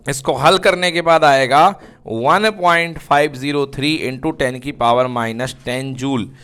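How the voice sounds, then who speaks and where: A man's voice: on the high side, a bit bright, clean tone. A male physics teacher lecturing to students, repeatedly asking questions and answering them himself. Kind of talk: classroom lecture.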